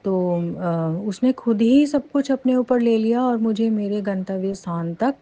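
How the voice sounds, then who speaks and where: A woman recounting a personal testimony in a casual, animated way, with many fillers and restarts. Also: a little high, a little slow. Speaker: devotee sharing a testimony. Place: lives near Jaipur.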